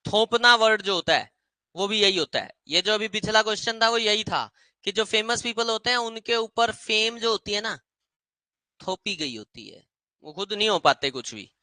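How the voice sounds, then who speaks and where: A man teaching English grammar in a lively classroom lecture, repeating words as drills and slowing right down on English phrases. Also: high voice, no echo, rough recording.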